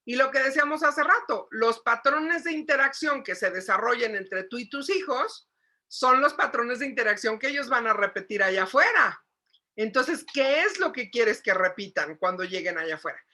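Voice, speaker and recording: A woman psychologist giving a lively lecture to parents, asking the audience questions and acting out shouting. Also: fairly high pitch, normal speed. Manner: animated, asks the audience questions, acts out shouting.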